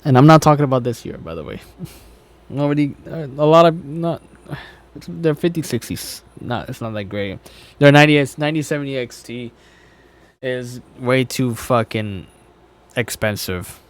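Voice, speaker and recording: A man giving an off-the-cuff ranting reaction, argumentative and sweary, often halting, stumbling and correcting himself. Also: mid-range voice, expressive. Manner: halting, stumbling over words, self-correcting. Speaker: reaction commentator, gamer. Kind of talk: off-the-cuff ranting commentary on a video.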